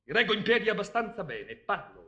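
An actor playing a drunken, proud lieutenant who tries hard to sound sober, in theatrical period film style. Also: male voice, high voice, very animated, fairly quick, bright, forceful tone, lo-fi sound, heavily acted. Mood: tipsy insistence. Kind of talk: theatrical Shakespearean film acting in Italian. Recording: echoey, noisy old film soundtrack with crowd.

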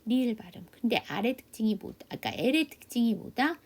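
A woman teaching English pronunciation in an online class, asking questions and answering them herself, often dropping to a soft half-whisper. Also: fairly high pitch, expressive, moderate pace, slightly rough. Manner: patient step-by-step drilling, asks and answers own questions. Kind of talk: online phonics lesson. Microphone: computer mic for a video class.

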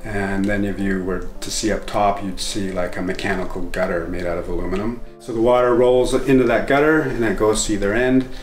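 A middle-aged man giving a casual tour of his container cabin, relaxed and hesitant with fillers. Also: on the low side, a little fast, few pauses, reverberant, soft background music. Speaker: container home builder. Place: outdoors on a hilltop and inside a container cabin.

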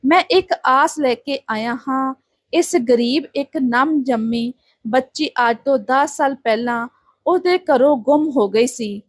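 A woman's voice: sits high, unhurried, no room sound. A woman voicing a distressed Sikh village father who begs and pleads through tears. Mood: pleading. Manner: begging, tearful appeals.

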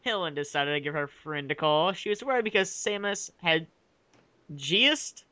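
Casting: young male reader, bright, smooth voice, hams up the drama and giggles, dry close sound. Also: a little high, brisk, dry recording. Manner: giggly, jokey, hammy dramatic delivery. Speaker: fanfic reader and uploader. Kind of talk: mock-dramatic comedic reading.

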